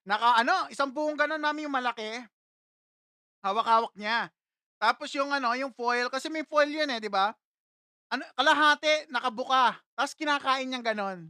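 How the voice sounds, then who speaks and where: A man's voice: very high voice, normal speed, sharp tone, clean tone, dry recording, studio quality. A man hosting a casual livestream, telling a childhood story in a chatty way, laughing often and talking straight to his viewers. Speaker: livestream host.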